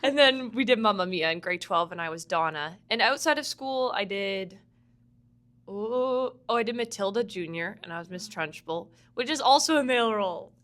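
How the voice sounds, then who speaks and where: Animated and fairly bright, her mid-range voice moves at a normal speed as she talks as a podcast guest. The young woman, a musical theatre student from Vancouver, Canada, laughs frequently and peppers the casual interview chat with "like".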